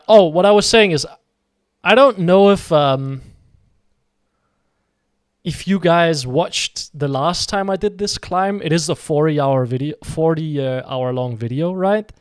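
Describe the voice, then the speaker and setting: In this dry, studio-quality recording, a Danish streamer with a voice on the high side gives casual live commentary on a game. He rambles along and replies to what his viewers write.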